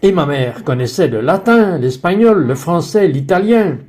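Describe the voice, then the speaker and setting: A man's voice: a little high, lively intonation, normal speed, a little mellow, natural voice. A man dubbing a woman guest telling her story. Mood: earnest. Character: woman guest on a faith talk show. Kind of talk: French dubbed voice-over.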